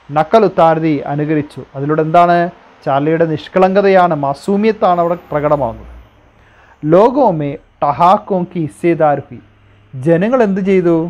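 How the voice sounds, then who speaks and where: A man's voice: a little high, darkish tone. A man with a Malayali accent teaching a Hindi lesson in Malayalam. He reads each phrase, translates it and asks questions about it.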